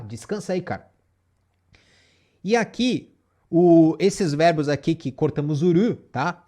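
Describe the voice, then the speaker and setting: Guy teaching a lesson, slightly high voice, keeps checking in, barks the odd example command. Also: warm tone. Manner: explanatory, repeats "tá?" and "né?" checks. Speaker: Japanese teacher. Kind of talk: casual spoken lesson.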